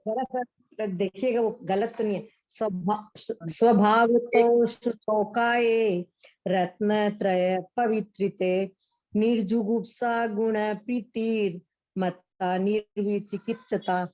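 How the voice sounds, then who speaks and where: A woman student reciting a verse in an online class, reading carefully and haltingly. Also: mid-range voice, fairly even intonation, a little mellow.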